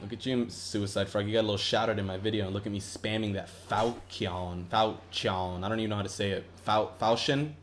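A man's voice: fairly low pitch, flat delivery, very fast, hardly any pauses, soft background music. A young man giving casual, rambling gameplay commentary, swearing often and restarting his sentences. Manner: rambling, profane, with frequent restarts. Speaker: gaming YouTuber.

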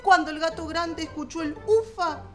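A woman telling a children's story, playful and expressive, acting out sound effects. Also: very high voice, normal speed, over music.

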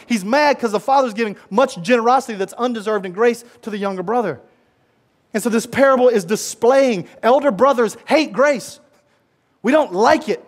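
A man with a fairly high voice preaches a sermon, lively and conversational in his delivery. He acts out the voices of the characters in his story and speaks directly to his congregation. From United States. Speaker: pastor.

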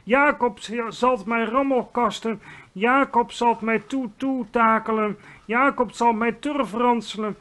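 A man's voice: extremely high pitch, little pitch movement, extremely slow, hardly any pauses, pushed and bright, pitched above the performer's own voice, exaggerated voice. A man voicing a huge brutish child-eating giant, screeching and pleading in panic, in a storybook read-aloud.

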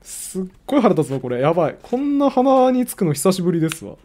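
Mellow-voiced sarcastic man riffing on a book. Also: high voice, very animated, fast talker. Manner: sarcastic, exasperated, mocking. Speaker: live stream host. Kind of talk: casual live-stream book commentary.

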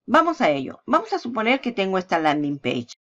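A woman's voice: mid-range voice, big pitch swings, brisk, fairly bright tone, dull audio, faint music behind. A woman hosting a screen-recorded marketing tutorial, chatty and upbeat, explaining step by step. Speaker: online marketing channel host.

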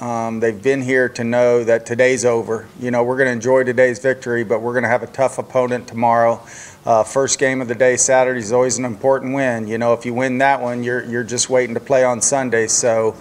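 An older man, a head coach, answering questions at a postgame press conference in a measured, plain-spoken way, often saying "you know". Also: mid-range voice. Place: press conference room, indoors. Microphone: table microphone.

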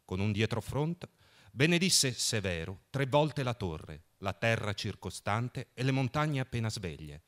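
A man reads a novel aloud at a book festival, measured and expressive. His pitch moves a lot across each sentence, and his tone is bright and forward. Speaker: reader. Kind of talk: literary reading aloud.

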